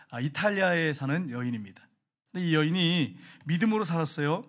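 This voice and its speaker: A man's voice: fairly high pitch, fairly bright tone. A middle-aged man preaching a sermon. He tells a story and asks the congregation questions, and he builds to emphatic peaks. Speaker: pastor.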